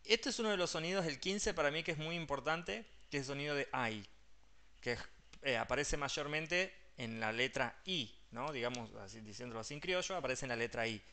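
This man, an English teacher with a Rioplatense Spanish accent, walks through pronunciation step by step with patience, slipping English terms into his Spanish. His medium-pitched voice is expressive and sharp, and he speaks briskly.

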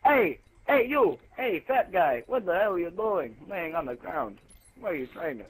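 A young man chatting and swearing while playing an online shooter with friends, loud and joking. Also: a little high, very animated, moderate pace, low-quality recording. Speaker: gamer. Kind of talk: casual multiplayer game chat. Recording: faint background noise.

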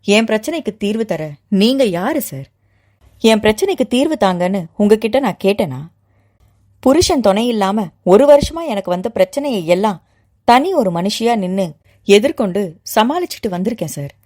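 A woman's voice: mid-range voice, animated, moderate pace, mellow, close to an everyday voice. A woman voicing a heated, proud young mother. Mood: agitated. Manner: heated, agitated and insistent.

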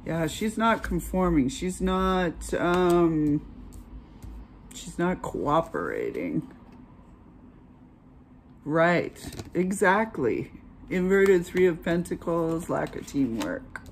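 Woman, tarot reader, slow unhurried delivery, chatty, fillers, faint background hum. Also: fairly low pitch, animated. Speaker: tarot reader and channel host. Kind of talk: casual tarot reading on camera.

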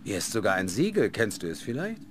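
A man's voice: fairly low pitch, huge pitch swings, quick pace, slight background noise. A man voicing a cheeky, somewhat hesitant young adventurer hero in a fantasy video game. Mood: sly, coaxing.

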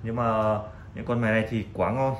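A man gives a casual, halting sales pitch as a shop seller, often repeating himself. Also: fairly even intonation. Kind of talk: casual sales pitch presenting used phones. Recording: clearly noisy room recording.

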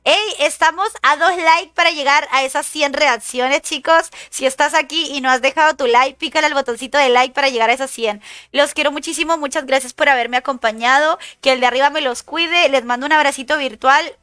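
A young woman from Chile streaming a game, chatting excitedly, swearing at opponents and greeting viewers. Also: high voice, fairly quick, no echo. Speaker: gaming streamer. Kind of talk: casual live-stream chat while gaming.

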